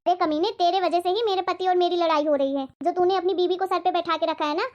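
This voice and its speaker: A woman playing a shrill, nagging mother-in-law. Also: fairly even intonation, fast talker, a little mellow. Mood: scolding. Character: scolding middle-aged mother-in-law, quick-tempered. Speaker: comedy sketch actor. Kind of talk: scripted family comedy sketch. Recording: dull lo-fi audio.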